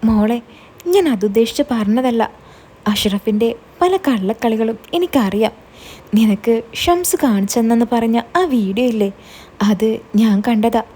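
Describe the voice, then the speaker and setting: A kind, protective middle-aged man speaks gently and reassuringly, as a woman narrator voices him. The voice stays mellow and a little husky, close to the storyteller's own. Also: fairly high pitch. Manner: gentle, consoling. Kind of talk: storytelling, quoted dialogue.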